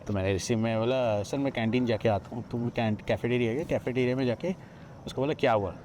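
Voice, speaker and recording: A man's voice: medium pitch, fast, a little mellow, slight background noise. A man from Odisha, a podcast guest, retelling a personal ghost story with many quoted lines of dialogue, recorded outdoors at a riverside ghat. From Odisha, India.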